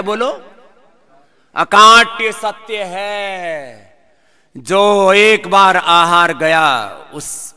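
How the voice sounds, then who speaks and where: Male yoga teacher leading a class, high clear voice, lively and joking. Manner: lively, sings verses, jokes with class. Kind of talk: live yoga class instruction and talk.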